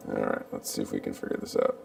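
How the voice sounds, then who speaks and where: A man's voice: racing, darkish tone, far from the mic. A man doing a casual livestream from his cluttered garage, chatting and muttering to himself while he fiddles with the settings. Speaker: livestreaming vlogger.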